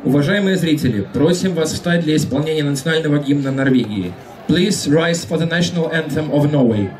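A man's voice: a little high, fairly quick. Distant male stadium announcer over noisy crowd. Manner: formal, declamatory, calls out names. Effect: stadium public-address loudspeaker. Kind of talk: formal bilingual pre-match stadium announcement over PA. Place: outdoor football stadium. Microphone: camera in the stands, far from loudspeakers. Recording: distant PA, very loud crowd noise. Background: crowd and loud stadium noise.

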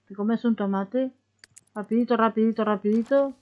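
A woman's voice: fairly high pitch, fairly even intonation, normal speed, a little hiss or hum. Rioplatense gamer lady chatting thru her game, sweet coaxing tone, muffled lo-fi mic. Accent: Rioplatense Spanish. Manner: coaxing, chatty, talks to her characters like babies. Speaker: gaming YouTuber. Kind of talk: casual let's-play commentary.

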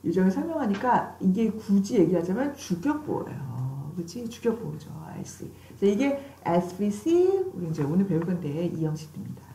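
Lively woman teacher in an echoey classroom. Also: on the low side, moderate pace, few pauses, slight background noise. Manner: drills pronunciation with call-and-repeat cues; playful, teasing questions to students. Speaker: English teacher. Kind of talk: classroom English vocabulary lesson.

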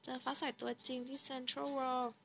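A woman's voice: high voice, flat delivery, unhurried, gravelly, sharp tone, faint music behind. A young woman hosting her own live stream, chatting casually and reading viewer comments aloud before answering them. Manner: reads viewer comments aloud and chats back.

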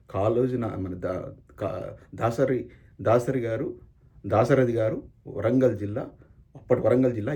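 A man's voice: mid-range voice, warm tone. A man giving an impassioned political speech, firing off repeated angry rhetorical questions. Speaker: political commentator.

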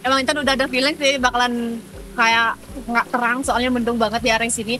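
A bright, fast-talking woman with an Indonesian accent chats her way through a travel vlog outdoors. Her voice sits a little high and she keeps things upbeat and loose, full of fillers, with light music running underneath. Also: level tone. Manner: chatty, upbeat, with many fillers. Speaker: travel vlogger. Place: outdoors at a waterfall.

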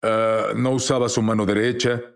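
A man's voice: fairly low pitch, little pitch movement, normal speed, clear, resonant tone. A man as the guest minister in a dubbed interview, telling testimonies earnestly and acting out quoted dialogue.

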